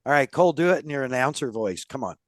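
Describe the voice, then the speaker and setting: A man's voice: medium pitch, animated, quick pace, dry recording, studio quality. A man hosting a casual podcast, friendly and loose, laughing often. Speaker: podcast host.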